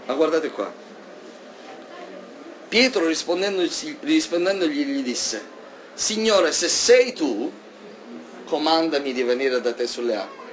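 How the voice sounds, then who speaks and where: An animated man preaches a sermon, his fairly high voice jumping from loud emphatic bursts to soft asides. A faint hum of ambient noise sits behind him. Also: unhurried, pauses often.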